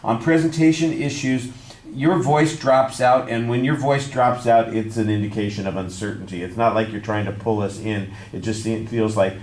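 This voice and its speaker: A man, a speech instructor, giving measured, constructive feedback on a student's speech with frequent fillers. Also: fairly low pitch, fairly even intonation, darkish tone, roomy sound. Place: classroom.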